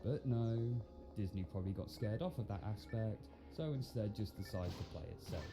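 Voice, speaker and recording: A man gives a scripted film review. He sounds sarcastic and incredulous, with lively pitch movement, and music plays clearly behind him. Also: moderate pace, low-quality recording. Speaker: video commentator and film critic.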